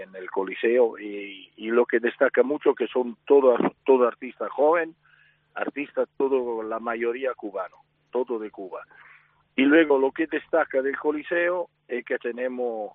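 A Spanish man raised in Italy, speaking with an Italian accent as a circus manager interviewed by phone, halting and repeating words. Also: medium pitch, no room sound. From Spain, raised in Italy. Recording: dry tinny phone line.

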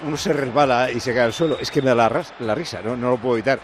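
A man's voice: mid-range voice, rapid-fire, over music. A man with a Castilian Spanish accent giving casual, colloquial football analysis as a pundit.

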